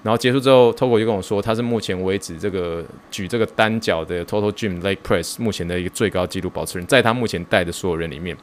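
A man hosting a podcast, talking in a casual, excitable and self-mocking way, mixing in English words. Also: deep voice, fast, few pauses, a little hiss or hum. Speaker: podcast host.

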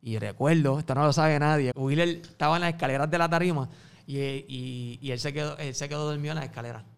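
A man with a Puerto Rican Spanish accent tells stories in an interview, swinging from loud to hushed and acting out what the people in them said. His voice is gravelly, with a pitch a little high for a man. He talks in a lively, animated way. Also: fast. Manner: acts out quoted voices, swings loud and soft. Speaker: music promoter and guest.

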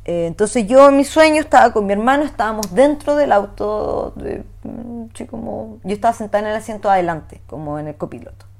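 A young woman with a Chilean Spanish accent, telling a story in animated, slang-heavy casual chat. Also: mid-range voice, fairly quick, vocal fry.

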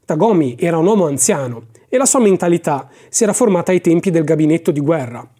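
An audiobook narrator giving a measured, expressive reading of a novel chapter. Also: mid-range voice.

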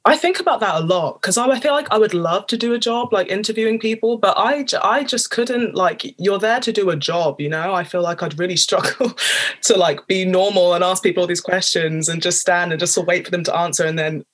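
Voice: medium pitch, a little fast, a bit bright. A guest with a British accent on a podcast, talking candidly in a rambling, chatty way with frequent laughs. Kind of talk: casual podcast chat.

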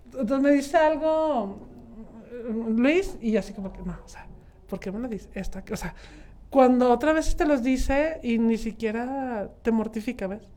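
A woman's voice: on the high side, a little slow, mellow. A woman in her thirties with a Mexican accent, talking reflectively and rambling with many fillers in a casual group chat.

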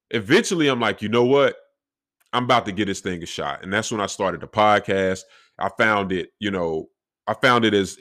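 A young man with a deep voice talking reflectively on his solo podcast, with faith woven into his talk. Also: fairly bright tone. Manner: reflective, faith-filled, conversational. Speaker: podcast host.

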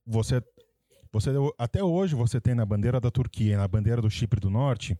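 A man's voice: medium pitch, moderate pace, no room sound. A man from São Paulo with a São Paulo accent, co-hosting a casual chat and telling history trivia playfully. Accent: Brazilian Portuguese, São Paulo. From São Paulo, Brazil. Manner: playful, animated storytelling. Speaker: podcast co-host.

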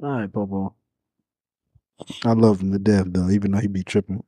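A man in his twenties telling family stories on a podcast in a casual, animated way, swearing casually. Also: on the low side, normal speed, no room sound. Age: 20s. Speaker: podcast co-host.

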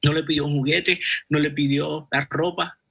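A man talking earnestly about faith in a conversation, with frequent restarts and pauses. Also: fairly high pitch, steady tone, gravelly, a bit bright, breathy edge. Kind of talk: religious conversation and storytelling.

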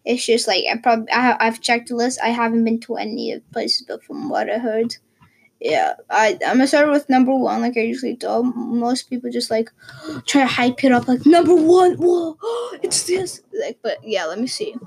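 A woman's voice: on the high side, moderate pace, gravelly, a little mellow, breathy edge, poor audio. A teenage girl from Portugal, vlogging in a casual, rambling way with lots of fillers and restarts. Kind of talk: casual chat.

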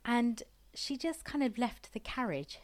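A woman's voice: a little high, big pitch swings, measured pace, darkish tone. A young woman telling a story in a casual, rambling way, with lots of fillers and restarts. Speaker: podcast host.

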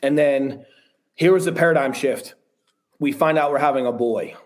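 A man's voice: medium pitch, moderate pace. A man in his thirties, a podcast guest, telling a personal story in a frank, rambling way with casual swearing.

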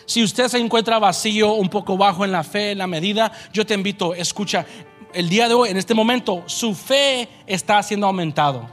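A man's voice: high-pitched, moderate pace, fairly bright tone, soft background music. A male pastor preaching a sermon in a church, emphatic and conversational, often checking in with the congregation. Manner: emphatic preaching with frequent "¿verdad?" asides. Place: church sanctuary.

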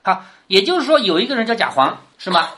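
A woman lecturing on a classic novel at a quick clip, her pitch leaping up and down. She keeps tossing rhetorical questions at her listeners. She speaks with the patient drive of a teacher. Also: big pitch swings, a bit bright. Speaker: literature teacher.

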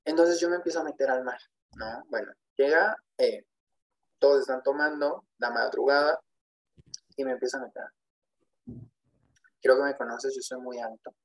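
This is a man, speaking as a guest on a podcast. His voice sits at a middling pitch for a man. He tells a personal faith story earnestly, repeating words and often adding little tag questions. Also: moderate pace, long pauses, low-quality recording.

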